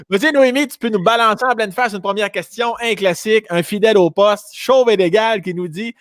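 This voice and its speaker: A man's voice: sits high, moderate pace, dry recording, clean studio sound. A man with a Québécois accent hosting a talk show, joking and teasing his guest. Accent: Québécois French. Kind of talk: casual chat.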